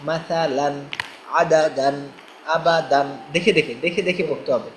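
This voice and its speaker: A man teaching Quran reading, spelling syllables slowly and patiently for learners to repeat. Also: on the high side, steady tone, a little hiss or hum, rough recording. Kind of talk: spelling drill lesson.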